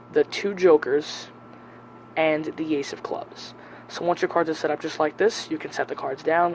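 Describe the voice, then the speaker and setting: A man's voice: on the high side, a little hiss or hum, low-quality recording. A man giving a casual step-by-step tutorial as a presenter, repeating key points for emphasis.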